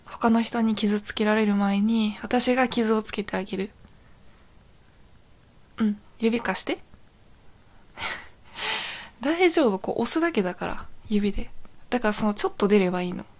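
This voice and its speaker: A woman's voice: mid-range voice, unhurried, pauses often. A woman playing a young, possessive yandere girlfriend in an intimate role-play audio drama, sounding sweet, clingy and eerily obsessive. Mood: soothing, eerie.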